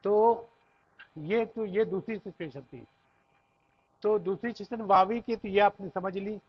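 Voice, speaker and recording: A man with an Urdu accent teaches Arabic grammar, reciting conjugations one after another in a slow, patient way. His voice sits high and a little husky. The recording is dull and lo-fi. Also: no room sound. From Pakistan. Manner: patient, recites conjugations in chanted lists, often checks "theek hai". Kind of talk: classroom lesson, reciting verb forms.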